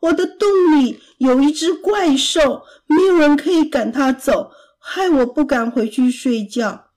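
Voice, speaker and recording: A woman's voice: high voice, a little slow, darkish tone. A woman voicing a small, sleepy, timid rabbit that whimpers tearfully.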